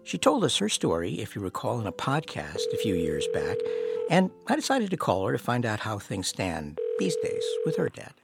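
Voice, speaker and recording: A man hosting a podcast, speaking gently and thoughtfully from a studio. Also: lowish voice, huge pitch swings, normal speed, gravelly, loud music behind the voice. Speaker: podcast host. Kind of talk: reflective narration and phone interview. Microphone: studio mic.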